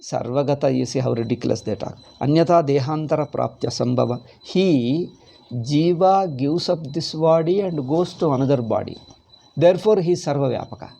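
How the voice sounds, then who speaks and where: Speaking with vocal fry in a dark, slightly high voice at a moderate pace, a South Indian man teaches Vedanta. He quotes Sanskrit scripture and comments on it emphatically, leaning on repetition and rhetorical questions.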